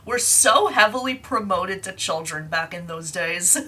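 Woman, podcast co-host, casual chat, enthusiastic, swears freely, bright voice. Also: fairly low pitch, lively intonation, a little slow, poor audio.

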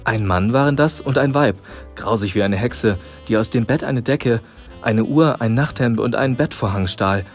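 A man reading a storybook aloud to listeners in a calm, measured way. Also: mid-range voice, soft background music. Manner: calm, measured narration with dramatic pauses.

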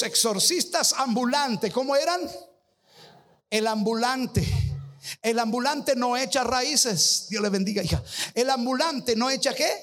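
A man with a Rioplatense accent, preaching a sermon as pastor with emphatic call-and-response and some shouted phrases. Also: very high-pitched. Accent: Rioplatense Spanish.

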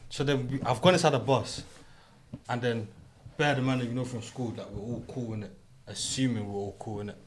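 A man's voice: medium pitch, steady tone, brisk. Young male, London roadman accent, casual storytelling, repeats points for emphasis, slight background noise. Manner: street slang, emphatic repetition. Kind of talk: casual anecdote telling among friends.

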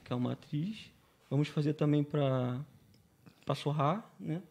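High, gravelly Brazilian man telling stories. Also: unhurried, a little mellow. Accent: Brazilian Portuguese. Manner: chatty storyteller, constantly adding "né?". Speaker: guest, painting business owner. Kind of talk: casual podcast interview.

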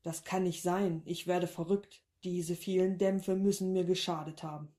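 A woman's voice: fairly low pitch, fairly even intonation, normal speed, warm tone, close to an everyday voice. A woman reading the lines of a frightened, bewildered male professor, sounding unsteady and disbelieving. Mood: panicked.

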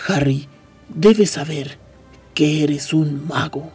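A man voicing a gruff, furious giant of a man who roars his indignation, read aloud in a storybook reading. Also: on the high side, slow, a little mellow, faint music behind, exaggerated voice. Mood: indignant. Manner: roaring, indignant.

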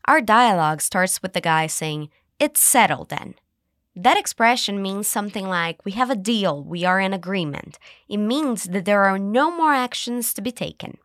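Woman host, English teacher, animated pitch, dry close mic, spells out phrases slowly. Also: no echo. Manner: cheerful, slow model phrases to repeat. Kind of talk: scripted language lesson.

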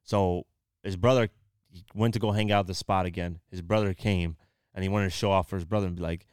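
This man co-hosts a casual podcast, speaking a little fast in a low, darkish voice that is clear and resonant, with fairly even intonation. The sound is clean studio quality with no echo, and he retells a story in loose, rambling talk full of fillers.

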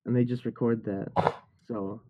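A man's voice: mid-range voice, fairly even intonation, moderate pace, lo-fi sound. A young man who does voice acting, chatting casually with friends in a rambling, jokey way full of fillers. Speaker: voice actor. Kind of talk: casual group chat.

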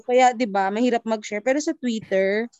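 A woman's voice: on the high side, normal speed, darkish tone, no echo, lo-fi sound. A woman in her twenties, a podcast guest, chatting casually and switching freely between English and Tagalog. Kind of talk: casual chat.

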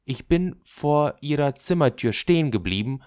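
A man reading an audiobook who voices a pert, impatient young woman in a quick, emphatic manner. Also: a little high, expressive, a little mellow, smooth, pitched above the performer's own voice, close to an everyday voice. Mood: chirpy, pushy. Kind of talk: audiobook character voice.

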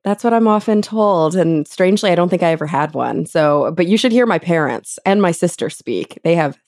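Podcast host, woman in her thirties, upbeat and chatty, lowish voice, dry close sound. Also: expressive, fairly quick, darkish tone, no room sound. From Texas. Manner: upbeat, laughs easily. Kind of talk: casual interview chat.

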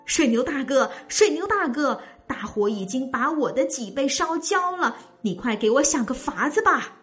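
A woman's voice: high voice, big pitch swings, normal speed, a bit bright, soft background music. A woman voicing a proud, boastful male tiger in a children's story, scornful and bossy. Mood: panicked pleading.

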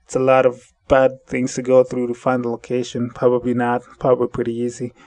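A man's voice: mid-range voice, monotone, a little fast, a little mellow, dry recording. A man hosting a casual solo podcast, rambling and correcting himself as he thinks aloud at home in the evening. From central United States. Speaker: podcast host.

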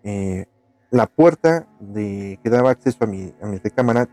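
A man tells a ghost story in easy chat. His voice is mellow and the sound is dry and close. He pauses, restarts and leans on fillers as he goes. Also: on the low side, lively intonation, no room sound, faint music behind. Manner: hesitant, many fillers and restarts.

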